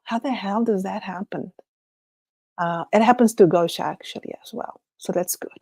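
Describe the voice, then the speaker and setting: Speaking at a normal pace in a mid-range, dark-toned voice, this livestream host rambles and muses through a casual solo chat. She is a native Spanish speaker from Chile with a Chilean accent who laughs frequently and restarts thoughts she trails off from; the recording is dry.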